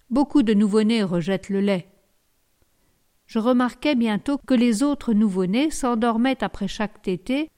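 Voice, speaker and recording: A woman narrating a novel in the first person as an audiobook, in a measured, sober way. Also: on the high side, warm tone.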